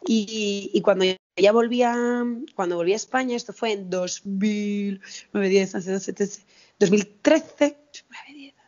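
A woman's voice: mid-range voice, a little slow, a little mellow, muffled recording. A woman in her thirties from Spain, telling a story as an interview guest in a chatty way, with many restarts and quoted dialogue. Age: 30s. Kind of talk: casual interview chat.

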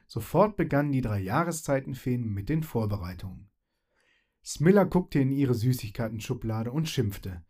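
A man reading a children's fairy tale aloud. His voice sits at a middle pitch for a man. He narrates in a lively, expressive way. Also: normal speed.

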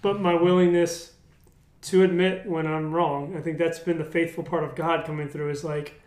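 Guy co-hosting a faith chat, kinda high voice, owns his mistakes, roomy echo. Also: little pitch movement, normal speed, a little mellow. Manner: candid, self-deprecating, many restarts. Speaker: podcast co-host. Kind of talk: casual faith discussion.

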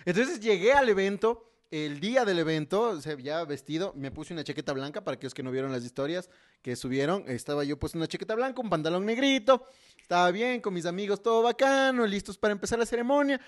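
A young man with a fairly high voice chats on a comedy podcast. He tells his story loosely and keeps breaking into laughter. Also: lively intonation, quick pace. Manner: chatty storytelling, laughs often. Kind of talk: casual comedy podcast chat.

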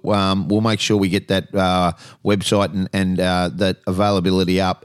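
An Australian man presenting regional radio in a lowish, smooth voice. He is conversational and emphatic, circling back over his phrases, and the sound is close and dry. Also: no room sound. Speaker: radio host. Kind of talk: regional radio interview and announcements.

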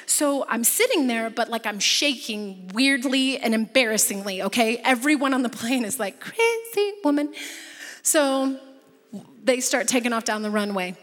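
Woman, higher voice, lively storyteller who acts out the quotes, long reverb. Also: moderate pace. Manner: lively, laughing often, quotes people in voices. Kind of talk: animated personal story.

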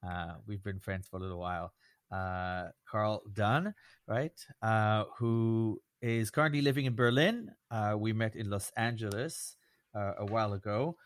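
Low-voiced American man hosting, halting delivery. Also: dry recording. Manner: halting, circling, frequent "right" and "like" tags. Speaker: host, rabbi. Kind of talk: conversational podcast hosting.

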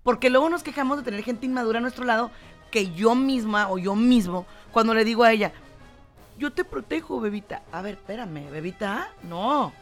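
A woman's voice: on the high side, brisk, faint music behind. A Mexican woman co-hosting a casual radio chat, chatty and teasing, giving relationship advice with lots of fillers. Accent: Mexican Spanish. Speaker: co-host, psychology commentator.

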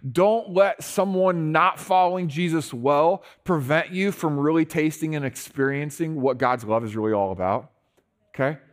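A man's voice: a little high, normal speed. A man with a slightly raised voice delivers a sermon. He talks to his listeners in an earnest, conversational way, restarting words and pressing them to listen. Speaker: preacher.

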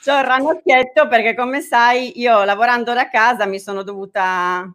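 A woman's voice: on the high side, fairly even intonation, normal speed, a bit bright. A woman from Italy chatting casually and jokingly as an interview guest, poking fun at herself. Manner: joking, self-mocking. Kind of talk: casual online interview chat. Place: at home.

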